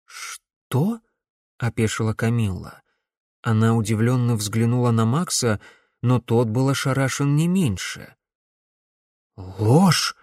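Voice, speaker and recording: A man giving an even, steady audiobook narration. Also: mid-range voice, normal speed, no echo, clean studio sound. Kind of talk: scripted narration.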